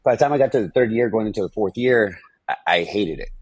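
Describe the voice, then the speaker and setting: A man's voice: lowish voice, lively intonation, quick pace, dry recording. A man on a podcast telling his life story in plain, frank words with some swearing, acting out old conversations. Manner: candid and profane, acts out past conversations. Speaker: podcast guest. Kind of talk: storytelling in an interview.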